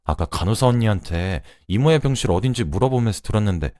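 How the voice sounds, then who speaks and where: A man's voice: lowish voice, lively intonation, fast talker, a little mellow, no room sound, studio quality, lightly acted. A man voicing a bubbly, cheeky young woman who teases and pleads in a radio drama. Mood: insistent. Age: young adult. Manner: playful, pleading, teasing.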